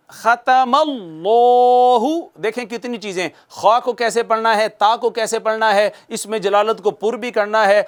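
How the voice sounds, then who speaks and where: High-voiced man teaching Quran recitation. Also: clean tone. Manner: slow drawn-out recitation of verses, then explaining and having viewers repeat; asks questions and answers them himself. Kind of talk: televised tajweed lesson. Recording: studio broadcast.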